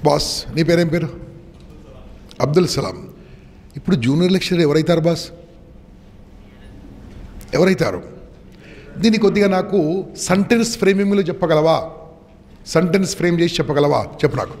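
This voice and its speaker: Brief: high-pitched male motivational speaker, commanding and rousing, long hall reverb. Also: fairly quick, long pauses, a little mellow. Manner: commanding, rousing, mixing English into Telugu. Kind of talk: motivational seminar talk to students.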